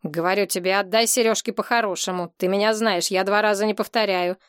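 A woman voicing a surly, bossy young male thug in an audiobook, speaking curtly and gruffly. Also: mid-range voice, fairly even intonation, fairly quick, dry recording, studio quality, close to an everyday voice. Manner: gruff, curt commands.

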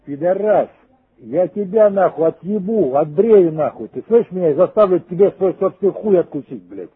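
An older man in an angry phone argument, cursing and threatening like a street thug in a rough voice. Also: sits high, lively intonation, normal speed, no room sound. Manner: belligerent, foul-mouthed, threatening street-thug abuse. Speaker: prank call victim. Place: phone call. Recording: tinny phone-line call.

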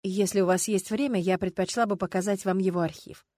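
A woman voicing a haughty, indignant rich lady who speaks shrilly and loudly in an audiobook. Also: medium pitch, fairly even intonation, brisk, dry recording, lightly acted. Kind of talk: audiobook character voice.

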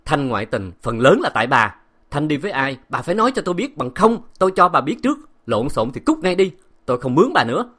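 A male reader voices a domineering, jealous husband in a spoken storybook. He barks harsh commands, and his pitch leaps about as he shouts. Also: very animated, brisk. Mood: commanding.

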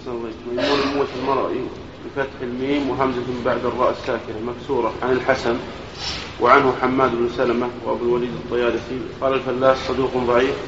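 A man's voice: medium pitch, level tone, quick pace. A man reading a narrator's entry from a reference book in the lesson. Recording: distant, echoey, noisy lo-fi recording.

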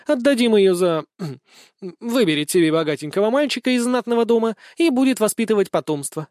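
Casting: a strict noble matriarch, read by a man, stern and condescending, raised pitch, dry close sound. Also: lively intonation, a little fast, a little mellow, dry recording. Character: strict, commanding aristocratic mother. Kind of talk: audiobook character voice.

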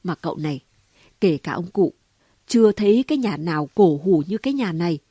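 A woman's voice: fairly low pitch, animated, brisk, mellow, breathy edge, no room sound, studio quality. Woman voicing a chatty, mocking gossip. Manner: chatty, mocking, full of exclamations. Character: gossipy, sharp-tongued city woman. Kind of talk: audiobook reading.

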